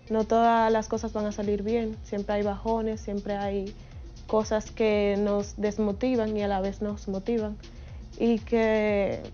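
A nineteen-year-old woman giving calm, sincere interview answers. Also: fairly high pitch, highs cut off.

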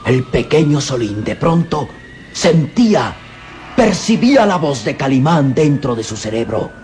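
A man narrating a dramatic radio serial in a theatrical, suspenseful manner with deliberate pauses. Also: a little high, sing-song, a little mellow. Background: dramatic music.

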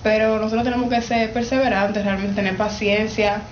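A woman's voice: medium pitch, steady tone, fairly quick, roomy sound, dull audio, a little hiss or hum. A nineteen-year-old woman, a young athlete giving earnest, firm interview answers.

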